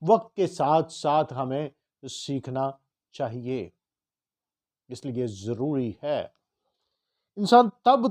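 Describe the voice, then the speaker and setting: A man from Punjab, giving a motivational lesson and slowing down to spell out how words are pronounced. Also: mid-range voice, a little mellow. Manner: emphatic, slows to spell out word pronunciations. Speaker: teacher.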